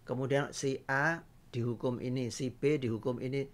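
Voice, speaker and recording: A man's voice: mid-range voice, fairly even intonation, normal speed. An older man lays out his views in a casual political chat, earnest and emphatic. He lectures patiently and presses his points home. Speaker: father giving views on a livestream.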